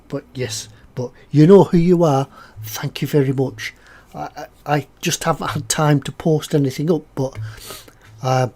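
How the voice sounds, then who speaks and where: A man with a head cold sounds snuffly as he builds a scale model on a live stream and reads out viewers' comments. His mid-range voice is warm, and he rambles in a friendly, chatty way, full of "uh"s and repeated words.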